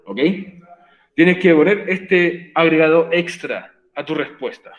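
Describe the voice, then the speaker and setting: A man's voice: fairly high pitch, animated, slow, reverberant, dull audio. A male English teacher giving an online class, explaining patiently and often checking that students follow. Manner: patient, repeats points, checks understanding with frequent "ok?". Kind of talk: virtual class explanation in Spanish.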